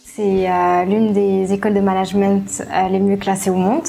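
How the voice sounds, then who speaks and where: A young woman from Morocco gives a student testimonial in a flat, gravelly voice. She hesitates often and pauses on fillers between phrases. Soft music runs faintly underneath. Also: medium pitch.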